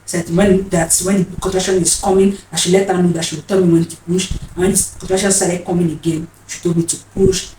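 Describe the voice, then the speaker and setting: In a fairly low, warm voice with flat delivery, a woman in her 30s talks a little fast with few pauses as she vlogs a personal story. She is earnest and emotional, repeating her phrases, and the mic is distant in a roomy space with faint noise.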